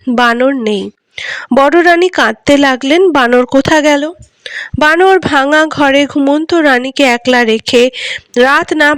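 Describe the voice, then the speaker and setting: A woman reading a classic fairy tale aloud with measured, expressive recitation. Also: high-pitched, no room sound. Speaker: reader.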